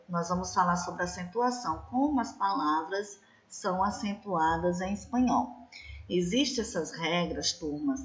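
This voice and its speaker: A woman teacher giving an online slide lesson, slow and patient, often checking in with her class. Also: lowish voice, a bit bright, dull audio. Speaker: Spanish teacher.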